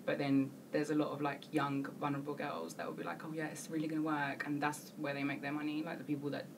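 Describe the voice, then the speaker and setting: A woman with a British accent co-hosting a casual chat, speaking in a relaxed, soft way. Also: deep voice, fast talker. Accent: British English. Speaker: podcast co-host. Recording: distant mic with background noise.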